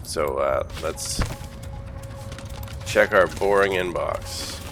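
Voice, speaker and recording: A man's voice: low-pitched, drawn-out words, over music. A man doing casual gameplay commentary, reading game text aloud with dry, joking asides. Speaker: gaming video host.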